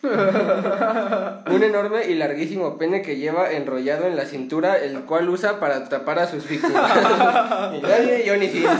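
Mexican guy cracking jokes, reads stuff out, laughs at himself, bit high, echoey. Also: slow. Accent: Mexican Spanish. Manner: jokey, laughs at his own jokes. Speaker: podcast co-host. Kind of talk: casual chat and reading notes aloud. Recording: roomy echoey room.

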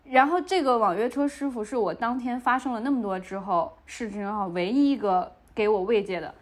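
A young woman, a podcast host, speaks a little fast and a little high as she shares a story in casual conversation. She keeps it lively by performing the dialogue along the way.

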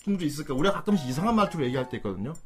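A high-voiced man hosts a casual chat with animated swings in pitch, loudly teasing his guest and laughing often. He swears freely and talks over music playing behind the conversation. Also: very fast. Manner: loud, teasing, swears a lot, bursts of laughter. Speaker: host.

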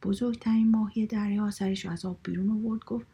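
Female storyteller for kids; soft half-whisper, husky and mellow. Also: mid-range voice, fairly even intonation. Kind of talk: children's story reading.

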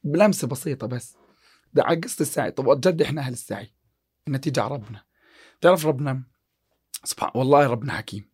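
A man's voice: mid-range voice, quick pace, long pauses, a little mellow, breathy edge. A man, chatting on a podcast about success and faith, quoting scripture with many restarts. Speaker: podcast guest, chemistry teacher. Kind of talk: casual podcast chat.

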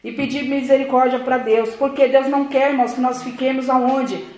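A woman's voice: high-pitched, steady tone, normal speed, a little mellow, echoey room. An older woman, preaching a testimony-style sermon. She keeps addressing the congregation as brothers and acts out remembered conversations. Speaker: church preacher. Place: church.

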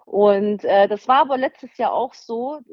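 A woman's voice: fairly high pitch, unhurried, no room sound, highs cut off. A woman, a sales trainer, as a guest in a casual interview, talking frankly and laughing easily.

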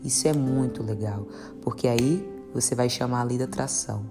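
A woman, teaching a meditation practice in a calm, earnest way and slowly repeating mantras. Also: a bass voice. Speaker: spiritual guide. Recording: soft instrumental music behind.

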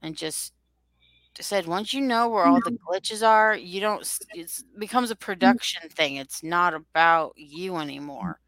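A woman hosting a podcast talks in a casual, rambling way. Her voice sits a little low yet sounds bright and smooth. It is recorded close and dry, with no room sound. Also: measured pace, no room sound, rough recording. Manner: chatty, rambling, loosely shaped sentences. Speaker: podcast host. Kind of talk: casual chat.

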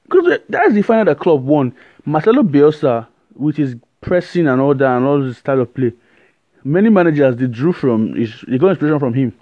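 A man's voice: a little high, brisk, no echo, muffled recording. Rambling man hosting a football podcast. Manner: animated, rambling opinions with many fillers and restarts. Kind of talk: solo podcast monologue.

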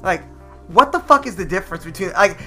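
A man's voice: high-pitched, brisk, faint music behind. A man telling a story in casual, profane style, acting out the quotes as he goes. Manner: profane, animated, acts out quotes. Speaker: podcast co-host telling a story.

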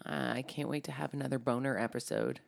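Woman, podcast co-host, low voice, gravelly fry, rambling casual chat, laughs easily. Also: fairly even intonation, quick pace. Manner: rambling, full of ums and likes, laughs easily.

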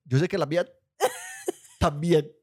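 A man, co-hosting a podcast, telling a funny family story in a casual, animated way and acting out the lines he quotes. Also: a little high, slow pace, husky. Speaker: podcast co-host.

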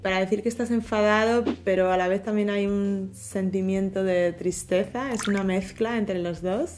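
A woman's voice: mid-range voice, fairly even intonation, normal speed, darkish tone. A woman co-hosting a vocabulary lesson, leading with conversational prompting questions. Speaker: co-host.

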